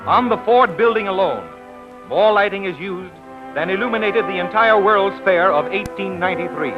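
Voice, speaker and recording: Old newsreel announcer, man, high and brisk, muffled 1930s film sound with music under it. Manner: brisk, declamatory announcer delivery. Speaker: newsreel narrator. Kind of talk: scripted newsreel narration.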